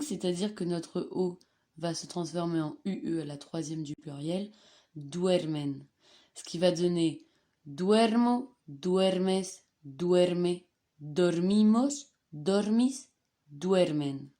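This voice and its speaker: A woman walks learners through a grammar lesson on slides. She talks slowly and patiently, repeating each conjugated form with care. Her tone is mellow and warm rather than bright. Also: on the low side. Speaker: Spanish teacher.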